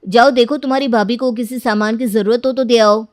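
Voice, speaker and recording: A woman's voice: on the high side, steady tone, brisk, dry recording, clean studio sound, lightly acted. A woman doing a sulking young boyfriend. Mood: sarcastic. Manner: sarcastic, grumbling.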